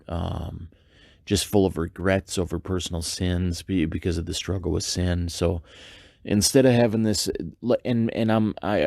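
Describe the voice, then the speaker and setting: A man with a very low, gravelly voice hosts a devotional podcast. He talks in an earnest, reflective way, stopping and restarting often. The recording is dry and close, with no room echo. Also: a little mellow. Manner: halting, many fillers and restarts. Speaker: podcast host. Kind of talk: casual devotional monologue.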